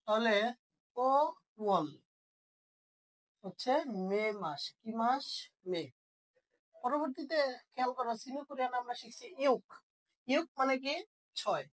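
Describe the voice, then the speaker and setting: A woman's voice: a little high, rough recording. A woman teaching an online language lesson, asking questions and answering them herself.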